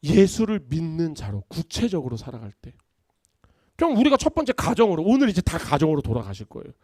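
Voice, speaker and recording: A man, a pastor, preaching a sermon in an animated, conversational way in a church. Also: a little high, brisk, breathy edge, dry recording, studio quality. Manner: animated, conversational preaching with acted-out family quotes. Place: church sanctuary.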